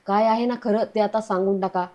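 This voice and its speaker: A calm, firm young woman from a television serial who comforts and then presses for the truth, voiced by a woman narrator. The voice is mellow and even. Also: medium pitch, a little fast, muffled recording, close to an everyday voice. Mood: insistent.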